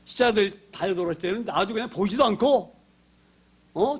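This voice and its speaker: A man preaching an Easter sermon as a pastor, animated, swinging from soft asides to sudden loud outbursts as he acts out quoted words. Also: high voice.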